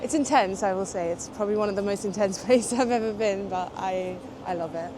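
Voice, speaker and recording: A young woman raised in Portugal talks in English with a light British-tinged accent, French being her first language. She chats easily but hesitates often, with many "um"s and small laughs. The recording is made outside on a city street, with clear traffic noise behind her. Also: medium pitch, brisk. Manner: chatty, hesitant with frequent fillers and small laughs. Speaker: interviewee, graduate student. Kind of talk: casual street interview.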